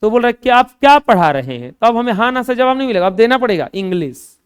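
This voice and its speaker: A male coaching teacher giving a classroom grammar lesson, asking the class questions, answering them himself and drawing example words out slowly. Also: very high-pitched, sing-song, smooth.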